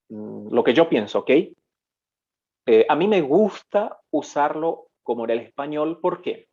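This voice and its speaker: A man's voice: mid-range voice, a little mellow, muffled recording. A Paraguayan man teaching a live online language lesson. He explains step by step, with many fillers and self-corrections.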